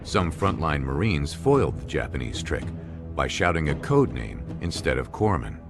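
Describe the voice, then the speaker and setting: A male narrator with a very low voice reads a documentary script. His delivery is grave and measured, with a pitch that moves a lot. Music plays underneath. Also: very animated.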